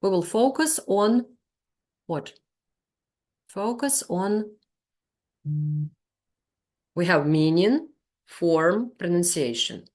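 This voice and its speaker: A woman with a Ukrainian accent teaches trainee teachers in an online session. Her voice sits a little low and her delivery is very slow, patiently repeating each word to model its pronunciation. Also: expressive, darkish tone.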